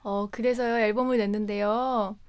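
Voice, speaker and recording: A woman's voice: medium pitch, fairly even intonation, moderate pace, clean tone, no room sound. A woman playing along as a radio phone-in caller, chatting casually and playfully in a mock-earnest way.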